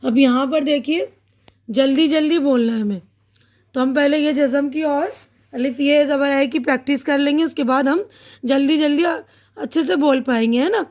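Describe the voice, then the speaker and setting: High-voiced woman teaching a reading lesson. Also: darkish tone. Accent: Indian Urdu. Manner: patient, slow and clear, with frequent "theek hai na" check-ins. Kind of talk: online reading lesson for young children.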